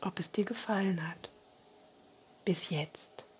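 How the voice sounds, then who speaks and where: A woman guiding a relaxation meditation in a soft, soothing spa-like whisper, breathy and husky. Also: lowish voice, fairly even intonation, slow pace, slight background noise. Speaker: relaxation exercise guide.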